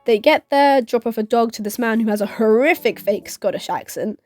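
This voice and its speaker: A woman's voice: fairly high pitch, moderate pace, darkish tone, soft background music. A woman in her twenties recapping a film in a casual commentary vlog, full of sarcastic asides and giggles. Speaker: YouTube commentator.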